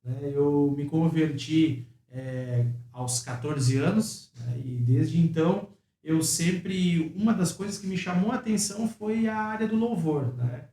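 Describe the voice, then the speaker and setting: Man, fairly high voice, steady explaining tone, heard from afar in a reverberant room. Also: unhurried. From Uruguaiana, Rio Grande do Sul, Brazil. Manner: steady, explanatory, frequent tag questions. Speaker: math teacher and church musician. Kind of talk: casual chat. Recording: echoey room, distant mic.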